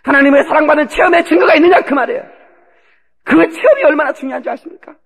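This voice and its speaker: A male pastor, preaching a sermon in a church, animated and swinging from shouts to a hush, from an old cassette tape. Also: very high-pitched, very fast. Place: church sanctuary.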